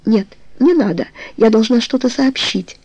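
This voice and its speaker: Young ardent woman in love, pleading, tender, mellow as read by a woman, storybook. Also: on the high side, moderate pace, no echo, lightly acted, low-quality recording. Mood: anxious.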